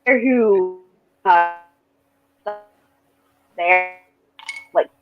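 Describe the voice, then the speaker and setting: A woman's voice: fairly low pitch, over music. Woman on a choppy breaking-up call. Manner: halting, trailing off mid-sentence. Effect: choppy audio cutting out on a bad internet connection. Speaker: co-host. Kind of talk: casual podcast chat. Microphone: video call. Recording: dull lo-fi call audio.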